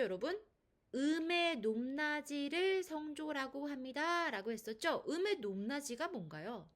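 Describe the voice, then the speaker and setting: A woman's voice: a little high, a bit bright. A woman teaching a Chinese pronunciation lesson, explaining patiently and asking the viewer rhetorical questions. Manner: sings out long held vowels in demonstrations.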